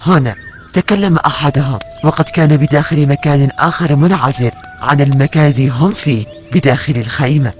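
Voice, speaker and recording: A man's voice: a little high, brisk, faint music behind. Male narrator of an audio novel. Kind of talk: scripted story narration.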